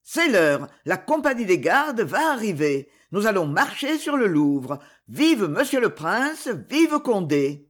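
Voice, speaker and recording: A reader voicing a crowd of armed townsmen who shout and chant slogans in an audiobook. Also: mid-range voice, big pitch swings, slow, few pauses. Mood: rallying. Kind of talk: audiobook character reading.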